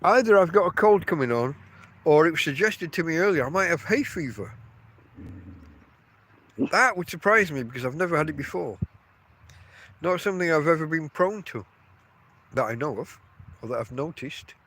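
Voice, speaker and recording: Beside his tent at a camp in a field, a middle-aged podcast host with a stuffy nose from a cold rambles solo, chatty and self-interrupting. His fairly high, fairly bright voice is expressive, at normal speed with frequent pauses, on a rough recording.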